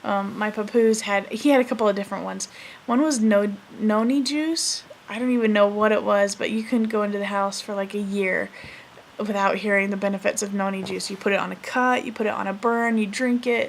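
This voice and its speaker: A woman in her twenties telling family stories to camera in a soft, hesitant way, full of fillers and self-corrections. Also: mid-range voice, steady tone, fairly quick, vocal fry, a little hiss or hum. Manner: laughs while recalling funny moments. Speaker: vlogger. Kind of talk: casual storytelling to camera.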